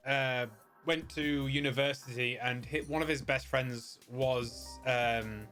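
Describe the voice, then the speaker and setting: Over background music, a middle-aged game streamer from the UK rambles through casual livestream chat, frequently groping for words. His voice is medium-pitched with a sharp tone.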